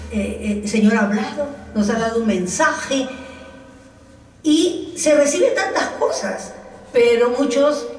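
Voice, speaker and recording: An older woman preaching a sermon in a church, often calling her listeners brothers and laughing between points. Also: on the high side. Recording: echoey church room, voice from the mic's distance.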